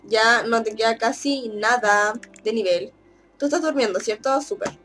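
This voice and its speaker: A woman's voice: a little high, normal speed, fairly bright tone. A young woman chatting casually as she plays a life-simulation game, laughing and teasing the characters. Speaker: gaming YouTuber. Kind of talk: casual Let's Play commentary. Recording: faint background game music.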